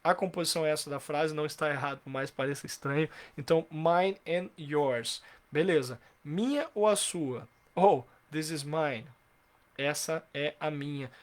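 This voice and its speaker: Male teacher, a bit higher voice, patient explaining, rhetorical questions, slow repeated examples. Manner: repeats example sentences slowly. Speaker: English teacher. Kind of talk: live online grammar class.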